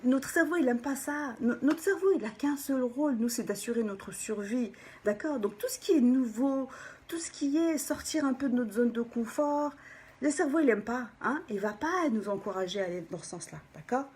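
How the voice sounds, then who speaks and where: A woman, a personal development coach, gives an animated motivational talk to viewers, often checking in with them and sometimes dropping into a soft whisper for emphasis. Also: fairly high pitch, normal speed, husky. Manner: animated, keeps checking in with the listener.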